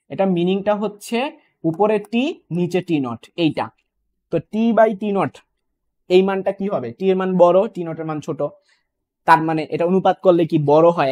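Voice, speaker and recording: A man's voice: high voice, darkish tone. A young man teaching an online physics exam-prep class, repeating points and checking in often with his students. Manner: fast, repetitive, checks in with "okay?" and "clear?". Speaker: physics tutor.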